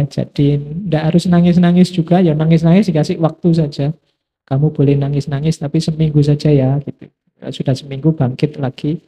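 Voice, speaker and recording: Male lecturer, middle-aged, dark husky tone, easygoing teaching manner. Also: fairly high pitch. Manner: relaxed conversational teaching, quoting imagined questions. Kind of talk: philosophy study lecture.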